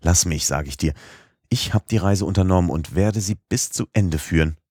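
A man's voice: low voice, normal speed, no echo, clean studio sound. A man doing a stern obsessive old professor. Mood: stubborn. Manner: harsh and threatening, with gentle moments.

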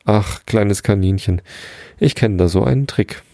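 A man voicing a friendly, helpful little male crab in a bedtime story, speaking slowly and coaxingly. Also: fairly low pitch, vocal fry, dark tone, dry recording, clean studio sound. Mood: kindly.

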